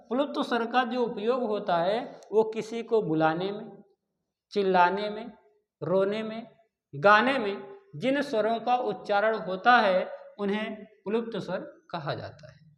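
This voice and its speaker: A man teaching a grammar lesson to exam students, repeating key terms slowly and asking and answering his own questions. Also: high-pitched, fairly bright tone. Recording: echoey room.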